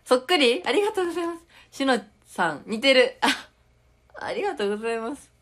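A woman's voice: high-pitched, big pitch swings, fast talker, a bit bright. A young woman with a Tokushima dialect, chatting casually on a live stream and reading viewer comments aloud with frequent giggles. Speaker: idol livestreamer.

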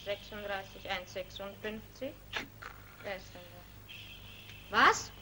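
A woman's voice: medium pitch, heavy background noise, natural voice. An actress playing an impatient, commanding woman in 1940s film style. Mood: brisk. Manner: brisk, commanding. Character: brisk, impatient woman pushing things along.

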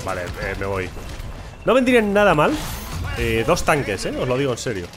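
Excitable gamer, shouting and lively. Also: male voice, medium pitch, normal speed, over music. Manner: shouty, excitable, swears and laughs at himself. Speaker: gameplay streamer. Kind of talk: excited live gameplay commentary.

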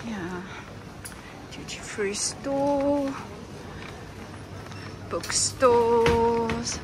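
A travel vlogger, a woman with a fairly high voice, gives a casual walking tour of a large airport terminal, recorded on a camera mic. She speaks in slow, halting, simple phrases as she walks. Busy terminal noise fills the background.

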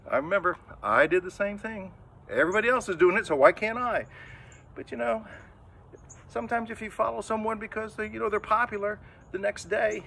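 This older man's voice is high, creaky, and slightly rough as he gives a children's sermon outdoors before a church. Casual and lively, he gestures a great deal and acts out little inner voices, shown standing full figure from a camera a few metres away.

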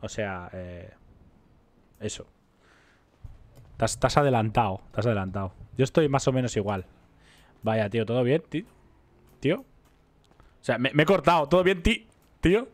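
Medium in pitch and expressive, this young man's voice moves at a moderate pace with frequent pauses. He has a Spanish accent and streams roleplay games, rambling casually, teasing himself and keeping up a chatty rapport with viewers.

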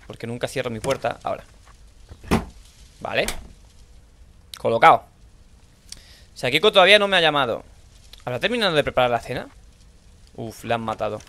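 A young man with a Spanish accent from Spain, playing a horror game and thinking aloud in low mutters, now and then shouting out. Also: big pitch swings, normal speed, long pauses. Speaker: gaming streamer. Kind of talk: horror let's play commentary.

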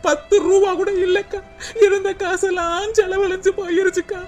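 A woman's voice: very high voice, normal speed. A woman voicing a tearful young wife in a cartoon, pleading and worried. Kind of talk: cartoon voice acting.

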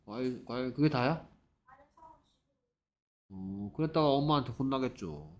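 A man teaching English grammar to middle school students, who reads example sentences slowly and breaks into mock-exasperated scolding asides. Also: medium pitch, animated. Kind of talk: grammar lecture.

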